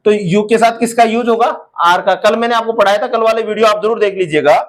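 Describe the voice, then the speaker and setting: A man with an Indian accent teaching English grammar in a classroom style. He drags out each English sentence slowly, speeds through his Hindi explanations, and calls his viewers son and daughter. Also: sits high.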